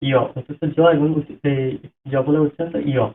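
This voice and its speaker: A man teaching how to pronounce a devotional Sanskrit mantra, breaking words down slowly syllable by syllable and chanting examples. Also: medium pitch, little pitch movement, a little hiss or hum. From Bangladesh. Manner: slow, careful syllable-by-syllable explanation. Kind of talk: spoken lesson with chanted examples. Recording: tinny phone-like audio.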